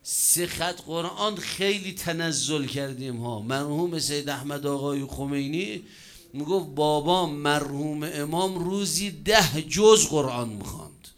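A man preaching a sermon, telling a story with joking asides and sudden shifts in pace and loudness. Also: fairly high pitch.

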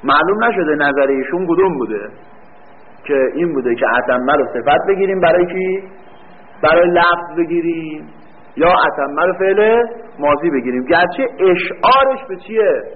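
A man teaching a grammar lesson, explaining step by step, asking the class questions and drawing out example words slowly. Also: fairly high pitch, lively intonation. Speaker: teacher of Arabic morphology. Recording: tinny phone-like recording.

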